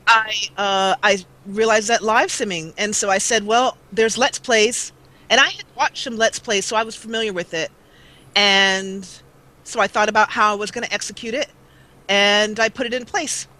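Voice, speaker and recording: In a casual interview, a let's player in her forties rambles along with plenty of fillers, her mid-range voice steady and sharp at a normal speed. She's using an old duct-taped microphone that cuts out, and the recording quality is low.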